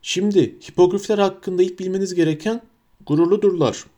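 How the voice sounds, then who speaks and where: A man voicing a huge, cheerful and kindly male gamekeeper with a booming, hearty way of talking. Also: a little fast, mellow, close to an everyday voice.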